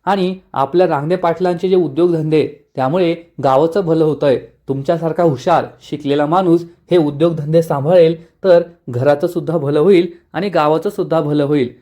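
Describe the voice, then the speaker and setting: A woman's voice: low voice, fairly even intonation, moderate pace, hardly any pauses, dark tone, close to an everyday voice. A man voicing a young village wife, hurt but determined, who speaks earnestly and pleadingly. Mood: persuasive.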